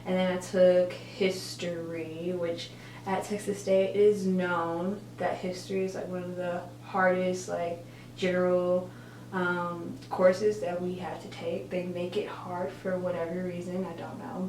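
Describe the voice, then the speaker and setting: Her voice is fairly low and a little mellow, with little pitch movement and a measured pace. She's a college student vlogger in her twenties, casually rambling through a get-ready-with-me makeup session, correcting herself and leaning on filler words. A distant mic picks up roomy echo and a faint hum.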